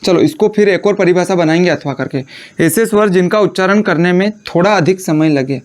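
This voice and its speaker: A man teaching a Hindi lesson. He asks his students questions and answers them himself, and he repeats phrases slowly so they can copy notes. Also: high voice, a little mellow. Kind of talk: classroom lecture dictating notes.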